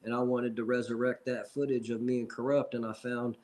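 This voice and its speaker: A man in his forties, a rapper guest, tells stories in a loose, rambling way. He keeps dropping in "you know what I mean" as he goes. His voice sits at an ordinary middle pitch. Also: little pitch movement, brisk, darkish tone, low-quality recording. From Seattle. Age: 40s. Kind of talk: casual storytelling.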